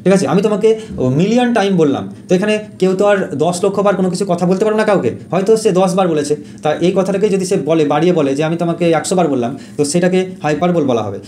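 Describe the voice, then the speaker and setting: A man teaching an exam-prep lesson, who explains in Bengali, reads English definitions slowly and often pauses with fillers and corrects himself. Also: high-pitched, mellow. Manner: frequent fillers and self-corrections.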